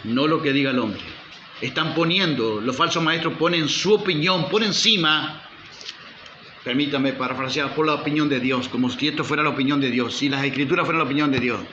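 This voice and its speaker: A man's voice: a little high, brisk, sharp tone, slight background noise. A male pastor preaching a sermon, firing rhetorical questions at the congregation and calling for amen. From Uruguay. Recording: roomy, slightly dull church recording.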